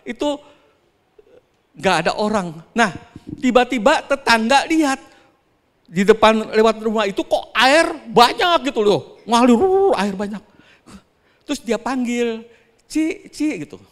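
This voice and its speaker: Man, pastor, sermon, dramatic storyteller, high voice, long church reverb. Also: expressive, measured pace, pauses often. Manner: dramatic storytelling, swinging between soft and loud; often addresses the congregation directly.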